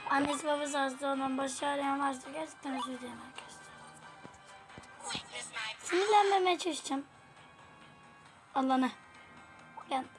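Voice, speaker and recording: A woman giving casual gameplay commentary to her viewers, excitable, swinging between yelling at opponents and quiet apologies. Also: high voice, normal speed, long pauses, music in the background. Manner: casual slangy talk to viewers. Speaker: gaming YouTuber.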